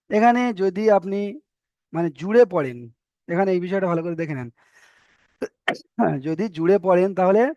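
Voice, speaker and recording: Male Quran tutor, high-pitched, smooth and clear, close and dry, slow and deliberate with letters. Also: dark tone, no room sound. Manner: spells out letters and vowel marks syllable by syllable, then recites slowly. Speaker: Quran recitation teacher. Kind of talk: online Quran reading class. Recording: dull lo-fi audio.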